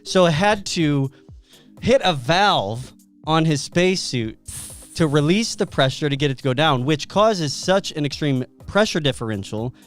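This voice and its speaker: A man co-hosting a casual podcast, telling facts as animated stories. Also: fairly high pitch, moderate pace, soft background music. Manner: animated storyteller, reads out facts. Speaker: podcast co-host.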